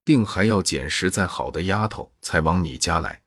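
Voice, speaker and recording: A man's voice: deep voice, moderate pace, a bit bright, slightly rough, no room sound, studio quality. A man reading as a wry young maid. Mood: reproachful. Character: young maid, gentle but sharp-tongued.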